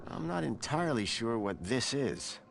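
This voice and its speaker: A man's voice: mid-range voice, big pitch swings, normal speed, creaky, slight background noise. A man playing a wry, persistent adventure game hero, no longer young, with a dry conversational delivery. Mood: uncertain. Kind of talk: video game voice acting and first-person narration.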